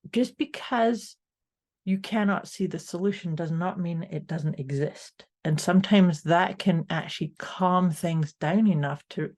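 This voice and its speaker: A woman's voice: lowish voice, a little mellow. A woman co-hosting a motivational podcast, talking through mindset tips in an upbeat, encouraging way. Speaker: podcast co-host. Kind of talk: casual motivational chat.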